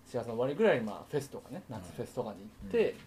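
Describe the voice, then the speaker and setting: A young man plays the straight man, laughing often and quickly protesting the teasing. His speech is fast and bounces up and down in pitch. A faint ambience sits under the voice. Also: big pitch swings, darkish tone, slight background noise. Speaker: radio co-host. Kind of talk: comedic radio chat.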